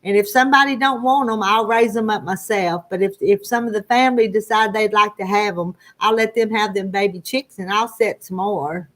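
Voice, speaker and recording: With a rural Southern Ozark country accent, a woman in her sixties from the Arkansas Ozarks foothills, United States, chats casually with live viewers as livestream host, folksy and rambling in a homespun way. She speaks at medium pitch and a moderate pace, with hardly any pauses.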